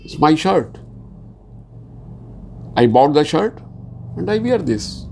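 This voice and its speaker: Sitting on the high side, his voice has a sing-song lilt, some vocal fry and a darkish tone. He's from Bihar, India, speaks Hindi-accented Indian English, and presents insurance training slowly and haltingly, with many "uh" fillers and rising emphasis on key points.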